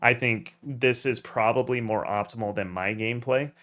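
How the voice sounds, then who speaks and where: A young man casually reviewing gameplay clips as a coach, talking in a relaxed, blunt way with loose fillers and the odd swear word. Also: mid-range voice, moderate pace. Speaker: gameplay coach and channel host.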